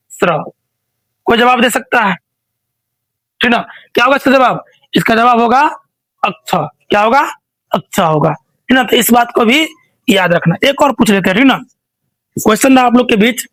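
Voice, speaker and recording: A man's voice: high voice, a bit bright, no room sound, rough recording. A male teacher running an online revision quiz, asking each question again and again and prompting students to answer.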